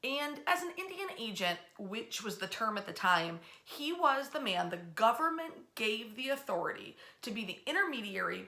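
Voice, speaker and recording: With vocal fry in a medium-pitched, bright and forceful voice, a tour club host tells history stories to an online audience in an informal lecture to camera. She's conversational, enthusiastic and emphatic; the recording has roomy, echoey sound.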